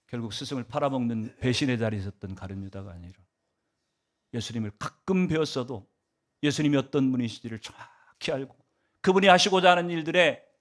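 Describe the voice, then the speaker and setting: A man's voice: medium pitch, a bit bright. A male pastor delivering a Sunday sermon, asking the congregation rhetorical questions and swinging his emphasis up and down.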